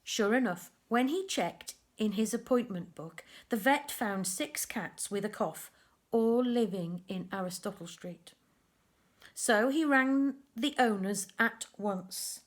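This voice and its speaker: This woman's voice is mid-range, and she's reading a picture book aloud to small kids. She uses expressive, careful emphasis and adds casual chatter about the illustrations.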